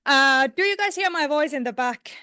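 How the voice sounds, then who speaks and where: A Finnish woman gives a scientific talk in a conference hall, often hesitating with fillers and restarting her sentences. Her high voice is expressive, pushed and bright, at a normal speed. There's no microphone, yet the sound is studio quality with no echo.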